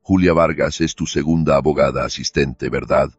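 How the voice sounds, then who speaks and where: A cold, imperturbable head of a law firm in an audio story, as a narrator puts him on. He speaks slowly and evenly in a very deep, husky voice, his questions measured and unrelenting. The recording is dull and lo-fi with faint music. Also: fairly even intonation. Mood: impassive. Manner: slow, measured, emotionless, probing. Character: cold, unflappable older male law firm boss.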